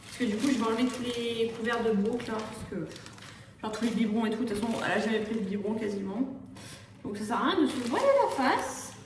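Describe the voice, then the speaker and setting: Expressive woman vlogging at home. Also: a little high, fast, background noise. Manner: expressive, indignant ranting, sing-song talk to her baby. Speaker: vlogger, mother. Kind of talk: casual vlog chat. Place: home kitchen.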